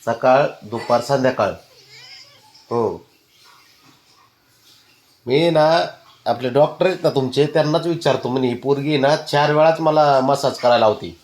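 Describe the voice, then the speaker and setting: A man's voice: mid-range voice, a little slow, pauses often, a little mellow. A man talking to his pet cat in a coaxing, teasing way, laughing often in casual baby talk at home.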